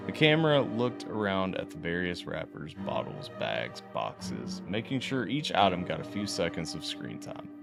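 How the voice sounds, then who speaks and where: A man's voice: sits low, wildly swooping pitch, normal speed, gravelly, hardly any pauses, over music. A man reading a horror story aloud as a podcast host, stumbling and restarting now and then. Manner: reads unevenly, stumbles and restarts.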